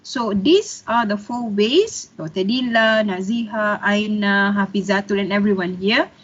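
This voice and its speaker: A middle-aged Malaysian woman giving a lively motivational webinar talk, mixing languages and calling on listeners by name. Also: mid-range voice, slow, muffled recording. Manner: lively, code-switching, addresses listeners by name. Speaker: webinar speaker, senior lecturer.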